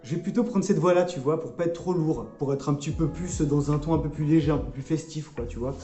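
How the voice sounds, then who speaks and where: A man's voice: on the high side, fast talker, warm tone, soft background music. Playful man coaching in an echoey room. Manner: playful, jokey, rambling with fillers. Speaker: wellness coach. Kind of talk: casual coaching video.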